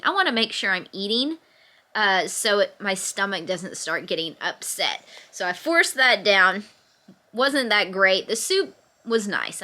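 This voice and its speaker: A young female vlogger chats to the camera from bed at home, bundled in a sweatshirt, feverish and a little congested but laughing through her complaints. Her medium-pitched voice is bright and forceful, with a slightly stuffy nose and an occasional cough.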